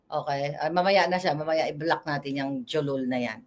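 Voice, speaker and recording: A woman's voice: sits low, normal speed. A woman from the Philippines doing casual political commentary, mocking and combative, talking straight to her viewers.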